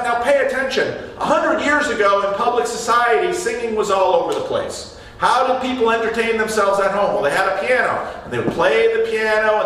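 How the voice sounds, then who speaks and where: A man preaching in a church with a fairly high voice, talking with his congregation like a conversation and stopping to put questions to them. He is picked up from a distance, so the sound rings in a very echoey hall with faint room noise behind him. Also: a bit bright. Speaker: pastor. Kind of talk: sermon. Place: church sanctuary.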